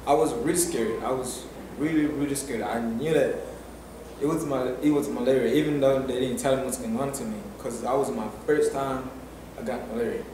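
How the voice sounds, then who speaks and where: A man's voice: mid-range voice, steady tone, moderate pace. Young man, very echoey. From Tanzania. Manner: hesitant, many fillers and restarts. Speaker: interviewee. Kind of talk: personal story for a documentary. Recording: very echoey room, distant mic, noisy.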